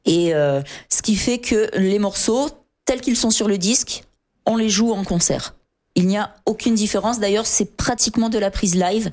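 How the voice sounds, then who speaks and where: A woman musician, a guest on a radio show, telling stories about her songs in a relaxed way with small hesitations. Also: medium pitch, moderate pace. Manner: relaxed storytelling with fillers. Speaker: singer and guitarist guest. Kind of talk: casual radio interview.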